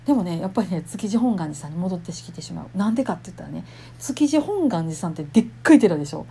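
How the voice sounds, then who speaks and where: A woman's voice: lowish voice, expressive, fast talker, gravelly, mellow, breathy edge. A woman with a Kansai accent, a temple wife who talks casually and chattily to her listeners and laughs often. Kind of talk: casual monologue.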